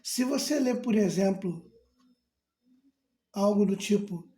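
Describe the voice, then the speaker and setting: A man explains grammar in an unhurried, mellow voice. He repeats key terms and answers imagined questions from his students. The recording carries a roomy echo. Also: sits high, expressive. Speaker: grammar teacher. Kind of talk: casual explanatory lesson.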